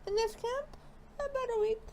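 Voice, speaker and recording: A woman voicing a cheerful teenage girl at a summer camp, reading game dialogue aloud in a high, sweet girlish voice. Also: moderate pace, darkish tone, a little hiss or hum. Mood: bright.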